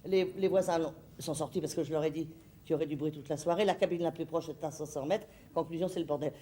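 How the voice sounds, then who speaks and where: A stage actress playing a flustered, fussy middle-aged hostess in a comedy monologue, rambling theatrically to the audience. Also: female voice, low-pitched, steady tone, quick pace, warm tone, lightly acted.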